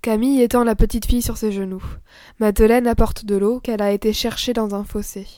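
Woman narrator, storybook reading, measured and expressive, fairly high, dry sound. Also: no room sound. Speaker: audiobook narrator. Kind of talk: scripted narration.

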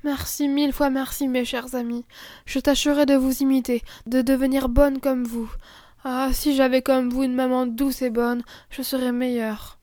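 A woman's voice: high voice, little pitch movement, moderate pace, warm tone, dry recording, close to an everyday voice. A woman voicing a remorseful young girl who pleads through her tears. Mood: grateful. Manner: pleading, tearful. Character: remorseful unhappy young girl, quick-tempered.

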